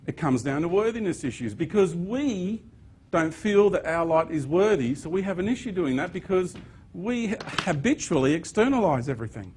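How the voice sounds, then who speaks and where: A man's voice: high-pitched, big pitch swings, moderate pace, a little mellow, a little hiss or hum. A man giving an earnest spiritual talk to an audience, with sudden emphatic bursts. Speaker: speaker.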